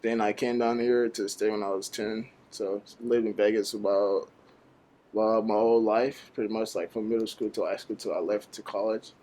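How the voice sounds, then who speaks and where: A young man from Nigeria, a college basketball player, chatting casually as an interview guest, laid-back and halting, with many fillers. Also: on the low side, little pitch movement, dark tone, a little hiss or hum. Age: young adult.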